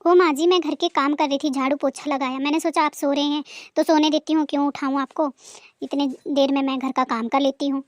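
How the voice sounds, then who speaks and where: A woman voicing a kind, honest, hardworking sister-in-law who speaks gently and politely. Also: high-pitched, steady tone, brisk, no room sound, close to an everyday voice. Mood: caring.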